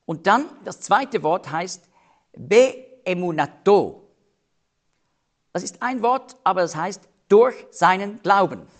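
Man, Bible teacher, slow deliberate delivery, fairly high voice. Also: expressive, a bit bright. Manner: explains slowly and deliberately, stressing key words.

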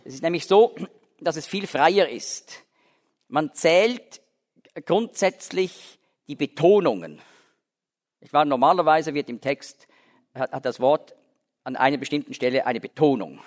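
A man teaching a Bible class in a hall with long reverb. His voice sits a little high for a man. He explains carefully, restarts often and leans hard on key words. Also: measured pace, pauses often. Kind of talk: Bible lecture.

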